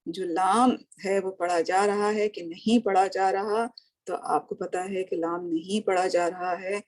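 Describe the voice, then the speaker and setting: A woman's voice: fairly low pitch, a little mellow. A woman teaching Arabic grammar in a recorded lesson, asking questions and answering them herself, drawing out each word she recites, with English words mixed into her Hindi. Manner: slow, patient, drawn-out recitation of words. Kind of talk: recorded lesson, explaining line by line.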